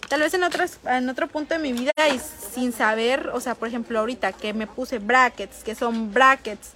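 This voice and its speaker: A woman's voice: on the high side, normal speed, pushed and bright. A young woman with a Mexican accent, chatting effusively with fans on a casual makeup live stream from a small table in a public place.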